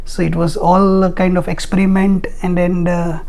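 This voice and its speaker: A man's voice: high-pitched, flat delivery, moderate pace, gravelly, a little mellow. A man from India in his thirties, a guest in a casual interview, who speaks hesitantly with many fillers and loose grammar.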